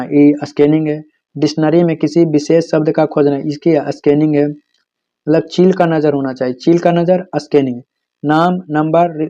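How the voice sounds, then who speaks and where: A man lectures for an exam, saying each key term again and again, then asking the class a question and answering it himself. His voice sits fairly high but sounds mellow and soft-edged. The recording is dull and lo-fi. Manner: repeats key terms for drilling, asks and answers his own questions. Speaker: teacher.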